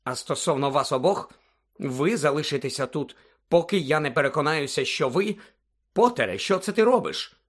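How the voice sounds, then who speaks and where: A man voicing a stern, bustling female school nurse who scolds and insists, getting shrill when upset. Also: normal speed, lightly acted. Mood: insistent.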